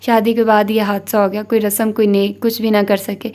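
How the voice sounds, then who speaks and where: A woman's voice: medium pitch, level tone, a little mellow, close to an everyday voice. A woman voicing a stern, matter-of-fact elderly matriarch in a novel reading.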